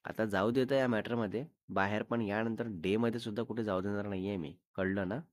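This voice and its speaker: Man reading young woman, bossy girlfriend, scolding, fussy, low voice, dry sound. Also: steady tone, a little fast, no room sound, lightly acted. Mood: stern. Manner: scolding, fussing.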